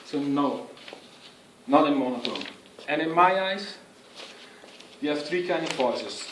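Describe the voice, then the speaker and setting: A man giving an earnest, instructive speech on public speaking to an audience, with halting phrasing. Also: fairly high pitch, animated, fairly bright tone, recorded from a distance, slight background noise. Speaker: speech giver. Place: room with an audience. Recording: echoey room, picked up from afar.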